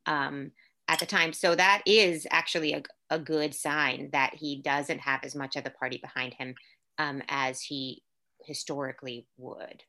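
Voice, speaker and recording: A young adult woman from Puerto Rico who grew up in Orlando, Florida, chats casually as a guest; she is an actor. Her voice is low, steady, unhurried and sharp-toned, and her talk is full of fillers and restarts.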